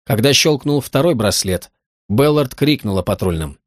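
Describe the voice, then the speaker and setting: Steady male audiobook narrator, dry sound. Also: medium pitch, normal speed, dry recording. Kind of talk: scripted narration.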